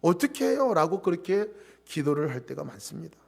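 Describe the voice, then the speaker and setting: High-voiced Korean male pastor preaching. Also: big pitch swings, fairly quick, gravelly. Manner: swings from soft, low storytelling to raised, emphatic preaching; drops to a whisper for quoted divine words. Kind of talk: sermon.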